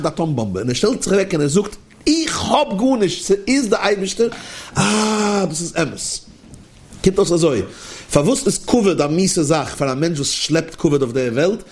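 A man giving a sermon in a lively, questioning, sing-song manner. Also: on the high side. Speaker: religious teacher. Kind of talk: sermon to listeners.

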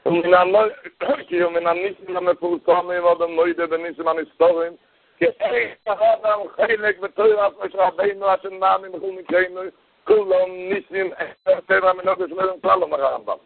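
A rabbi delivers a Torah talk as an animated storytelling sermon, his gravelly voice jumping high whenever he quotes or acts out the characters in his tale. The sound is tinny, like a radio broadcast heard over a phone.

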